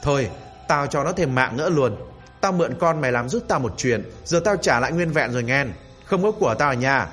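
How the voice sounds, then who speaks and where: Man doing a gruff teasing old ancestor spirit. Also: medium pitch, expressive, brisk, a bit bright, soft background music, close to an everyday voice. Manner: gruff, bantering, folksy. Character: teasing old great-grandfather spirit, male.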